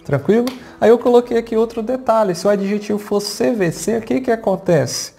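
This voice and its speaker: A teacher with a Brazilian accent explains grammar at a whiteboard. They talk patiently, check in often with the class and spell out the key words slowly. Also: medium pitch, creaky, dark tone, faint music behind. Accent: Brazilian Portuguese. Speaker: English teacher.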